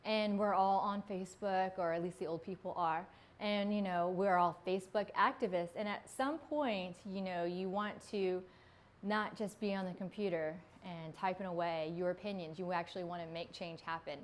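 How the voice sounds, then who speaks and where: A woman's voice: on the low side, steady tone, moderate pace. A woman in her forties from Vietnam, a city council candidate talking earnestly in an interview, with plenty of ums. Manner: earnest, conversational, with frequent ums.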